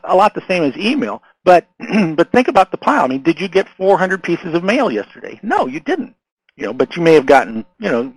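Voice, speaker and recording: This marketing consultant, who is losing his voice, gives a casual lesson to camera, speaking loosely with many restarts and fillers and often checking in with "right?" and "okay?" His voice sits on the high side. The recording is rough, with no room sound.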